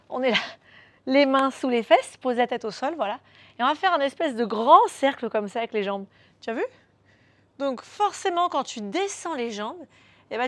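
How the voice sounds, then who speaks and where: A fitness coach guides a beginner workout, upbeat and coaxing, counting the moves aloud while demonstrating them. Her voice is high-pitched, with no echo.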